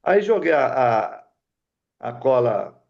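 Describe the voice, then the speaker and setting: Slow and mid-range with vocal fry, the voice belongs to an older man from Brazil who fixes aircraft and is appearing as a guest. The highs are cut off in the audio. He tells casual stories animatedly, acting out the dialogue.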